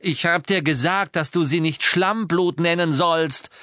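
A man's voice: medium pitch, lively intonation, moderate pace, no room sound, studio quality, pitched above the performer's own voice. A man voicing an insistent teenage boy wizard in an audiobook, pressing hard with tense questions. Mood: angry.

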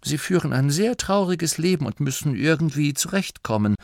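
A man's voice: fairly high pitch, lively intonation, normal speed, vocal fry, no room sound, clean studio sound, pitched above the performer's own voice. A man voicing a nervous, earnest young male gnome, the son of a duke, in a storybook reading. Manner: nervous, earnest, slightly raised voice.

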